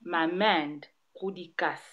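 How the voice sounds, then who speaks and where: A woman's voice: on the low side, steady tone, takes it slowly, dull audio. A woman teaching her daughter words in a casual lesson, patiently correcting pronunciation and praising her. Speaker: teacher, the learner's mother.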